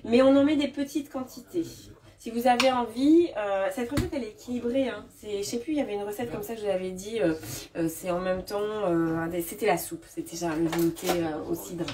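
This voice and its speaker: A woman with a medium-pitched voice talks a little fast with few pauses as she demonstrates a recipe on a live stream from her home kitchen. She chats casually, full of fillers and restarts, answering viewers' comments. The mic is distant, picking up crowd noise, kitchen clatter, and clinking dishes and utensils.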